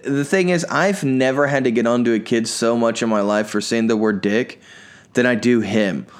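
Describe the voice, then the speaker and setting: Man, comedian podcast host, mid-pitched voice, rambling storyteller, casual chat. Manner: rambling anecdotal storyteller, grateful to listeners.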